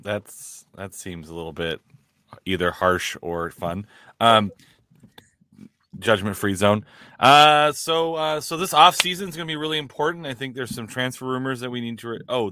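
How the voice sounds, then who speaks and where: A man's voice: mid-range voice, fairly even intonation, moderate pace, bright, forceful tone, dry recording, studio quality. A man chatting casually as a podcast guest, hesitant and dryly joking. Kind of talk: casual chat.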